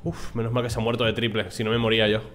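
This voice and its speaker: A man's voice: lowish voice, level tone, rapid-fire, a bit bright, faint music behind. A young man with a Spain Spanish accent chatting casually and swearing lightly as he plays through a game. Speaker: gameplay streamer. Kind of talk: casual let's play commentary.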